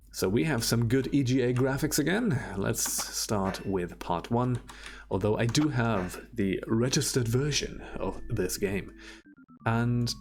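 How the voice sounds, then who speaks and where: A man's voice: mid-range voice, vocal fry. A man casually commenting as he plays old computer games on a stream, chatty and swearing now and then, with game music behind him. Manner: chatty, swears while playing.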